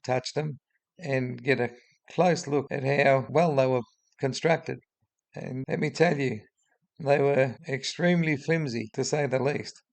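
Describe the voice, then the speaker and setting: Gravelly older man, broad Australian accent. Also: mid-range voice. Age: 70s. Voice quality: droning, gravelly. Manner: blunt, opinionated, plain-spoken. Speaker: video host. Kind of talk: spoken commentary on another video.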